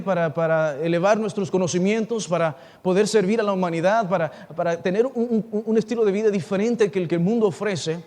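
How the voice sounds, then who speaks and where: High-voiced preacher in a reverberant hall. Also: male voice. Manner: animated storytelling, acting out dialogue and addressing listeners directly. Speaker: pastor. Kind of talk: sermon.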